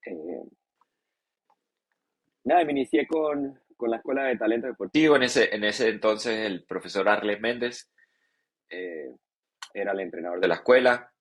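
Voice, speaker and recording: A man, a cycling guest in a casual podcast interview, relaxed and joking, halting with many fillers. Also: on the low side, breathy edge. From Venezuela.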